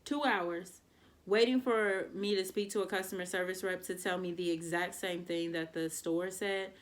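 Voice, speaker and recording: Young woman vlogger, exasperated storyteller, casual and animated, talks right to her viewers. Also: on the low side, moderate pace. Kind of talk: storytime vlog, casual chat to camera.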